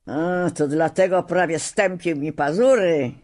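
A woman's voice: lowish voice, a little slow, darkish tone, natural voice. A woman voicing a huge but cowardly male lion in a storybook reading, humble and hesitant. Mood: sheepish.

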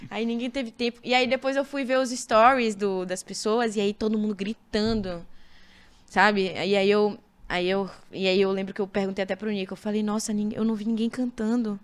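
A young woman from Brazil talks as a podcast guest, animated and chatty, with restarts and fillers throughout. Her voice is smooth and clear, sitting at a middling pitch for a woman. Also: moderate pace. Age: young adult. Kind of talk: casual interview chat.

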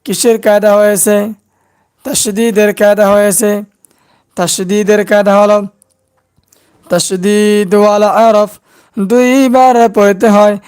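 A man teaching Quran recitation step by step, slowly drilling syllables and asking and answering his own questions. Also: high voice, steady tone, darkish tone, clean tone.

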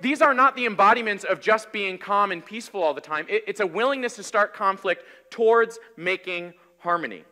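A man in his thirties preaches from the pulpit of a large church, talking in a conversational, energetic way. His voice sits high and sounds bright and forceful. It rings out with a long hall reverb. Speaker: pastor. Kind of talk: sermon.

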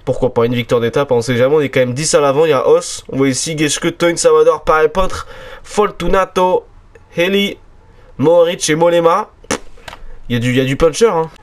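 A man giving chatty, excitable let's-play commentary on a cycling race game, cheering on his riders. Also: on the high side, a little fast. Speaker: gaming commentator.

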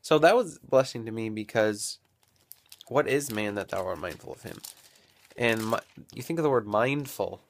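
Rambling young man thinking out loud. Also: fairly low pitch, lively intonation, normal speed, slight background noise. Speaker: vlogger. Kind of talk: casual daily vlog.

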